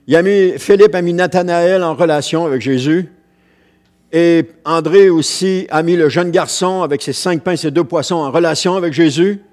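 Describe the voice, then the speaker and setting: A man's voice: fairly high pitch, darkish tone. A man with a Quebec French accent preaching a sermon as pastor, earnest, repeating phrases and restarting lines as he goes.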